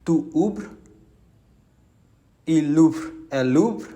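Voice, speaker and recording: A man reciting verb conjugations slowly and clearly as a language teacher. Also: a little high, expressive, dark tone. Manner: slow, deliberate, enunciated recitation. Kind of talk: slow conjugation drill.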